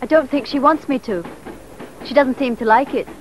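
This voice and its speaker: A woman's voice: high voice, drawn-out words. An actress playing a foreign woman tourist who asks polite, curious questions, in a 1980s TV drama. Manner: curious questions, then curt. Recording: dull lo-fi TV soundtrack, faint train noise.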